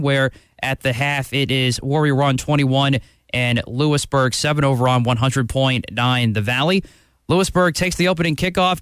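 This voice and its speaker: A man hosting a radio sports show, recapping scores and introducing highlight clips. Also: a bit bright, smooth, no echo, studio quality. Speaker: radio halftime host.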